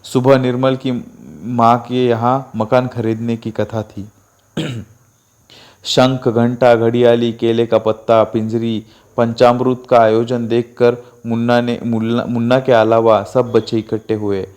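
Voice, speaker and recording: A man's voice: medium pitch, flat delivery, darkish tone. A man teaching Hindi who reads a short story aloud for his class. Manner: slow, deliberate reading.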